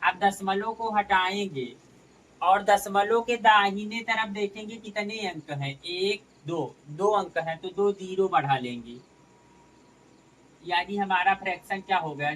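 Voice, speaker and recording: A man's voice: high-pitched, takes it slowly, pauses often, fairly bright tone. Male maths tutor, patient step-by-step explainer, slightly distant mic with light background noise. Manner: addresses viewers as friends, talks through each step. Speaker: maths teacher.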